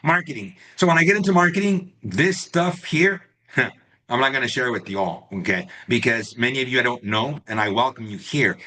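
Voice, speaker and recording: A man's voice: medium pitch, lively intonation, moderate pace, bright, forceful tone. A man coaching real estate agents in a live online class, talking straight to his students and often checking in with "right?" and "okay?". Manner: talks to the class, tags lines with right and okay.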